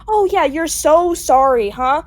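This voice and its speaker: Woman playing a princess, bitter, sarcastic, high voice, dry sound. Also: expressive, brisk, no echo. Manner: sarcastic, accusing, mocking. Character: bitter grieving young princess, sharp-tongued. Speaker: roleplay actor. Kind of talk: Minecraft roleplay acting.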